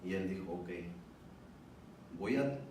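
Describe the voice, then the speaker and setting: A man with a low, darkish voice speaks slowly and expressively, sharing a personal testimony in Spanish at a public event. The sound is distant and heavily echoed, coming from an indoor event room through a far-off mic with faint noise.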